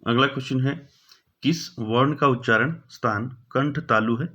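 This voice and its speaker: A man's voice: mid-range voice, moderate pace, a bit bright. A man teaching an exam-prep grammar lesson, reading each question, repeating it and giving the answer, with frequent "okay" fillers. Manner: repeats each question, fills with "thik hai". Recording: dull, lo-fi sound.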